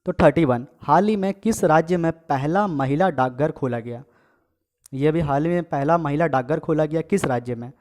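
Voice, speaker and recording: A man's voice: on the high side, moderate pace, darkish tone. A man teaching an exam-prep quiz lesson, reading each question and its options aloud, then giving and repeating the answer with frequent "okay" checks to his viewers. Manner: addresses viewers as friends and guys.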